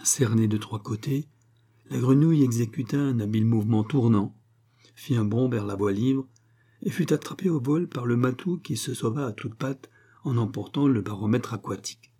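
A man narrating a comic story as an audiobook reading, in a measured storytelling manner. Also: medium pitch, dark tone, husky.

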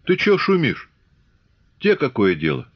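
An insolent young Cossack soldier, as a male narrator plays him speaks in short, sneering lines. The voice rides above the reader's usual low register, and the dull, lo-fi audiobook sound flattens it. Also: unhurried, husky, heavily acted. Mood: menacing. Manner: curt, sneering, dismissive.

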